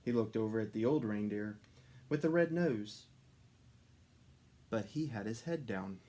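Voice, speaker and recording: A man reading a children's story aloud as an expressive narrator. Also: on the low side, measured pace. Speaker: storybook reader.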